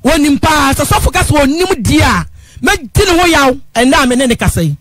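There's slight background noise as a woman with a high, very animated voice calls a talk show at a fairly quick pace. She keeps appealing to the host as "father," pleading and insisting as she airs her impassioned grievance.

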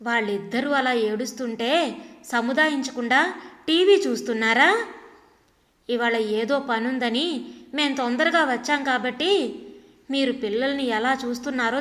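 A woman voicing a sharp-tongued young daughter-in-law who scolds with accusing questions, in a narrated audio story. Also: sits high, echoey room, long reverb tail.

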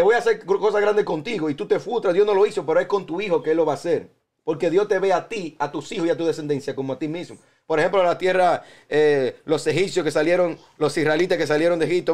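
Animated young male preacher. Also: sits high. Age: young adult. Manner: animated storyteller, jokes and acts out voices. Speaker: youth preacher in panel talk.

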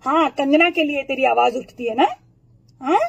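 A woman with a hoarse throat delivering a furious political rant to camera, hurling insults and rhetorical questions. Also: high voice, normal speed, low-quality recording.

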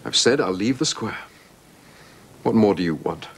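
A man's voice: lowish voice, lively intonation, normal speed, a little hiss or hum. An actor playing a cornered man in a TV drama who refuses to explain himself, curt and defensive. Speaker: soap opera character. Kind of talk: broadcast TV drama acting.

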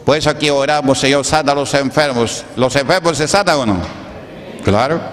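A man's voice: medium pitch, a little fast, a bit bright, a little hiss or hum. Man preaching in an echoey hall. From Peru. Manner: preaching, rhetorical questions, checking in with the congregation. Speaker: pastor. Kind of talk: Pentecostal sermon. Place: church hall.

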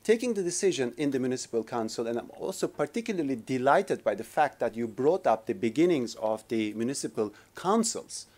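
A Turkish man in his forties talks briskly, with hardly any pauses, in a mid-range, sing-song and slightly mellow voice. Responding as a panel discussant from a lecture hall podium with a podium microphone, he gestures with his notes and stumbles into frequent fillers and restarts.

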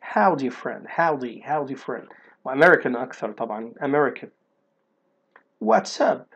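A young man with an Egyptian Arabic accent, teaching an online lesson and slowly repeating phrases to explain them. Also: medium pitch, fairly bright tone, breathy edge. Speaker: English teacher. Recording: dull lo-fi recording.

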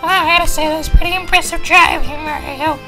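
A woman's voice: high voice, a little fast, over music, lightly acted, low-quality recording. A woman voicing a friendly driving instructor who speaks with hesitant fillers. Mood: approving.

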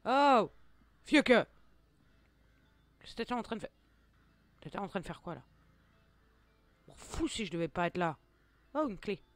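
Lively young woman commentating a game. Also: medium pitch, unhurried, long pauses, no echo. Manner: expressive, exclaiming, jokey, laughs often. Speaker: gaming video creator. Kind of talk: let's play commentary.

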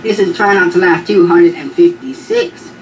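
An upbeat male video host, put on by a woman, runs through a scripted intro in a lowish voice. He sounds set back from the mic. Music plays behind him. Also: animated, moderate pace, distant mic, over a noisy crowd, natural voice, low-quality recording.

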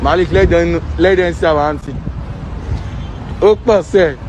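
A man's voice: on the high side, measured pace, dull audio. A man with a Nigerian accent in a comedy skit, boastfully showing off. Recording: street noise behind.

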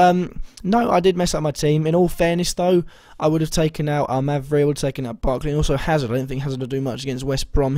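A young man with a slightly hoarse voice that is still recovering, talking through his fantasy football week in a rambling way, full of ums and self-corrections. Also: a little high, darkish tone, no room sound. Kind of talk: casual video commentary.

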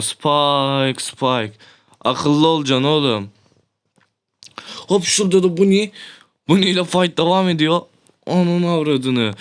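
A young man with a slightly high voice narrating his gameplay in an excitable rush. He swears often and breaks into loud shouts, recorded on a desk mic in an indoor room. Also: smooth. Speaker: gaming YouTuber.

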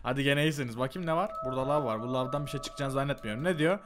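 A young man giving Minecraft parkour commentary, shouting encouragement at himself and muttering when he fails. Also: medium pitch, racing, noisy background. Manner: excitable, shouts and cheers himself on; mutters and grumbles when failing. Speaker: gaming YouTuber.

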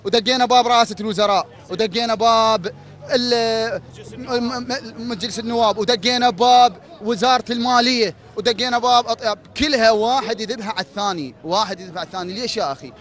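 A man's voice: extremely high pitch, quick pace, fairly bright tone, a faint crowd. A man with an Iraqi accent speaking outdoors at a street protest, pleading and repeating rhetorical questions as a hospital administrative worker. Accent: Iraqi Arabic. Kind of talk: impassioned street protest speech.

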